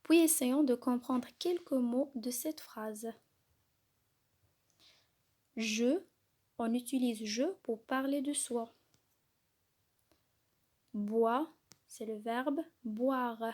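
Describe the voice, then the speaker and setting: A woman teaching young children to read, spelling out letters and syllables slowly and clearly. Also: fairly high pitch, darkish tone. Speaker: kindergarten teacher. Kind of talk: slow, clearly articulated reading lesson for young children.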